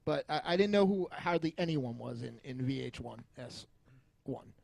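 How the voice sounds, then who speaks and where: Here a male co-host with a medium-pitched, gravelly, slightly mellow voice and lively intonation speaks at normal speed. He's arguing about film in a heated podcast review, combative and emphatic and swearing plenty.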